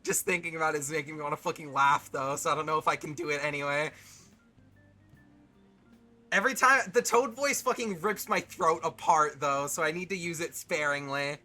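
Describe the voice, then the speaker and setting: A man's voice: a little high, a little fast, bright, forceful tone, soft background music. Giggly young man streaming a game. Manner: giggly, swears casually, talks to chat. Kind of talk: casual live-stream chat.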